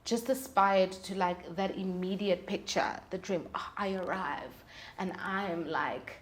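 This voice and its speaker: A South African independent singer-songwriter, interviewed as a guest, gives candid, articulate, emphatic advice in a conversational way, often using rhetorical questions and examples. Her medium-pitched voice moves a little slowly, and there's a slight hiss or hum.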